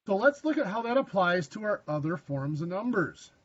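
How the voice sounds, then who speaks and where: A man with a rather high voice teaches a math class, quizzing the students and slipping in dry, self-mocking jokes. The classroom recording sounds a little dull and lo-fi. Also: very animated, normal speed. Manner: dry joking asides, self-deprecating; asks the class questions. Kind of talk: classroom lecture.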